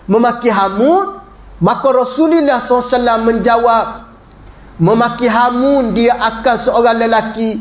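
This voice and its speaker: A man giving a conversational religious lecture as a teacher, often dropping his voice low for emphasis. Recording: echoey room.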